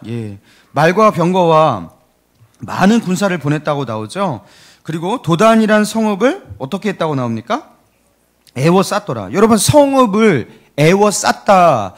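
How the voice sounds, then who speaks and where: A man's voice: high voice, big pitch swings, measured pace. A male pastor preaching a sermon in a church, telling the story dramatically and asking the congregation questions.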